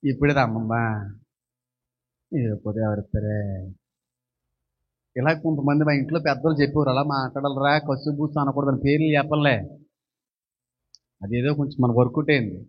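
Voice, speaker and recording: Fast-talking pastor, man, high voice, dull lo-fi recording, animated sermon delivery that swings soft to loud. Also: slightly rough.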